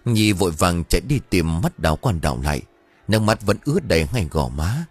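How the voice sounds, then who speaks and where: A man reads a dramatic story aloud, with a deep voice that has a husky grain. His delivery rises and falls widely to carry each scene. Soft music plays faintly behind him. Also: fairly quick. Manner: expressive storytelling. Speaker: audiobook narrator.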